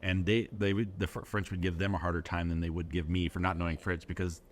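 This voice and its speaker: A man's voice: deep voice, little pitch movement, fast talker, slight background noise. A man talking casually as a podcast guest, joking and playful, tossing in bits of German and fake French. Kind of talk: casual chat.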